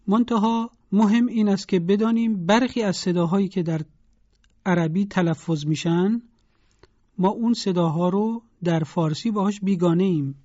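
A Quran pronunciation teacher giving a broadcast lesson, spelling out sounds slowly and deliberately for listeners to repeat. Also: mid-range voice, darkish tone, dry recording, highs cut off.

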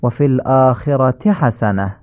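A man teaching correct Quran recitation, slowly chanting short Arabic phrases as examples and explaining the mistakes between them. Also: mid-range voice. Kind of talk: radio lesson on recitation. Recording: narrow phone-like band, old radio tape.

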